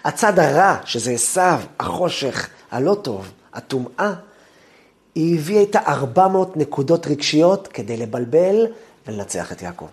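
A man, a rabbi, giving a Torah lesson who acts out angry inner voices and lets his phrase ends sink low and soft. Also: big pitch swings. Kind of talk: Torah lesson on the weekly portion.

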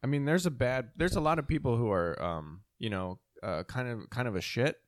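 A man's voice: mid-range voice, lively intonation, brisk, no echo, studio quality. A young man in casual conversation as a podcast co-host, blunt and emphatic, sounding exasperated.

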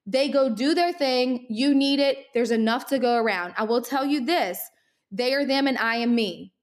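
A woman hosting her own podcast, giving energetic, animated marketing advice at great speed and sounding a little winded. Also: high voice. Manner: energetic, animated, talks very fast. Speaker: podcast host, social media marketer. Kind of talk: fast motivational solo podcast talk.

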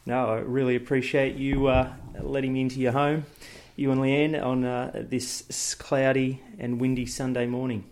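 A man's voice: mid-range voice, flat delivery, normal speed, few pauses, a little mellow. A man hosting a local football history podcast, reading a formal intro and then interviewing a guest.

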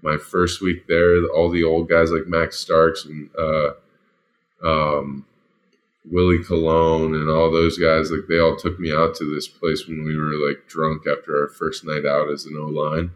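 A man's voice: extremely low pitch, flat delivery, measured pace. A man, a former football lineman, casually tells a story, rambling and filling it with "like" and "you know". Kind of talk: casual spoken anecdote.

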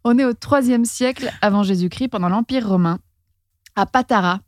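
A woman hosts a casual, comic storytelling chat, speaking loosely with slang and laughing as she tells it. Her voice is a little high at a moderate pace, recorded at studio quality with no room sound.

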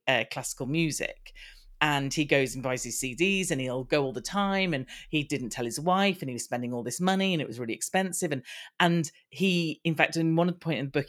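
A man talking as a podcast guest, telling personal stories in a candid, conversational way with quick bursts and frequent restarts. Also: on the high side, a bit bright.

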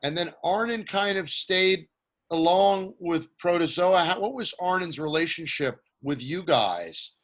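A man's voice: high voice, expressive, a little slow, fairly bright tone. A man interviewing a guest, asking long, rambling questions with restarts. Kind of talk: casual interview conversation.

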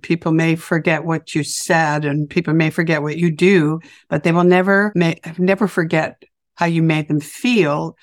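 Woman interviewer, raspy morning voice, dry sound, affirming and unhurried. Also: sits low, dry recording. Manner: warm, affirming, searching for words. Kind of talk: interview conversation.

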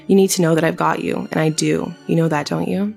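A woman's voice: brisk, creaky, faint music behind. A woman reading as a firm dominant male lover. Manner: firm, low and steady. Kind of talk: reading erotica aloud.

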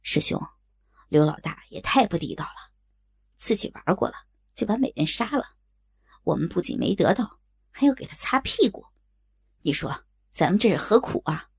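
A woman doing a crude, gravelly young bandit. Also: on the low side, big pitch swings, normal speed, pauses often, no room sound, studio quality, voice pushed down, exaggerated voice. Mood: grumbling. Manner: coarse, grumbling, lustful.

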